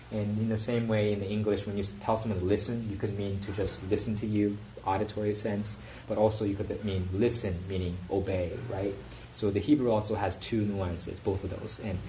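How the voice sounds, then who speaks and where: A man preaching in a relaxed, talky way, stopping to restart thoughts and filling pauses with small ums. His voice sits on the low side, with a faint hum of room ambience behind him. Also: poor audio. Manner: conversational teaching with fillers and restarts. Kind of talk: sermon.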